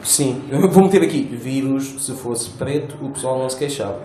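A male stand-up comedian with a European Portuguese accent, doing crude, animated crowd work on stage. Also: mid-range voice, moderate pace, noisy background. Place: comedy stage before a live audience. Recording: roomy live venue with laughing crowd.

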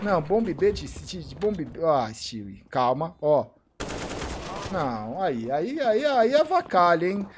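A man with a Brazilian Portuguese accent reacting live to an esports match, excitable and profane, repeating short cries. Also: fairly high pitch, measured pace, noisy background. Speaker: streamer commentating an esports match. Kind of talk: live game reaction commentary.

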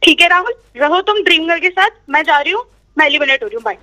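A woman's voice: very high voice, lively intonation, fast, heavy background noise. A young woman, complaining and sulking in casual voice chat during a game. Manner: sulky and complaining. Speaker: gaming friend.

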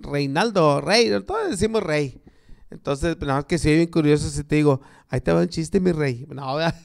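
A man's voice: fairly high pitch, creaky, smooth. A man hosting a live show, casually telling jokes and laughing at them. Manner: chatty, laughs at his own jokes.

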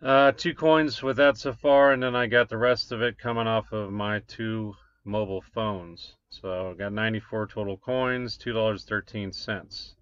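Man, 40s, low-ish gravelly voice, casual screen-share vlogger, lo-fi dull sound. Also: fairly even intonation, moderate pace, hardly any pauses, a bit bright, no room sound. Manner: rambling, reads numbers aloud with many "um"s. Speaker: crypto mining vlogger. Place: small room at a desk. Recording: dull lo-fi desk recording.

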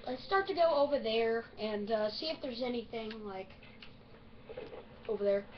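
A woman with the hiccups giving rambling, excitable let's-play commentary on a strategy game. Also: a little high, moderate pace, dull audio, a little hiss or hum. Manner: chatty, easily excited, rambling. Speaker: gaming video host.

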